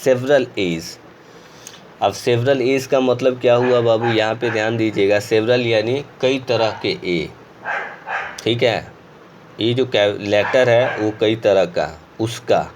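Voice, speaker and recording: A male school teacher with an Indian accent giving a grammar lesson, explaining in Hindi and reading English rules aloud slowly, with a faint hum behind him. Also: medium pitch. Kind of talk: screen-recorded grammar lesson.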